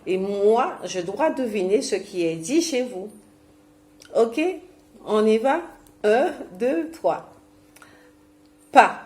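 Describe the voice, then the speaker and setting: A woman's voice: medium pitch, animated, takes it slowly, warm tone. Chatty woman coaching seniors from home. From Guadeloupe. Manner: chatty, hesitant with many fillers and restarts. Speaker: senior fitness and memory instructor. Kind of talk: instructional talk to seniors at home. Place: home, self-filmed. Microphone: camera mic.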